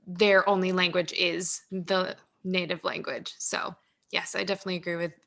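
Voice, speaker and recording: Bright-voiced woman podcast host. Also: fairly low pitch, flat delivery, gravelly. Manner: measured, agreeing responses. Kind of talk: conversational interview.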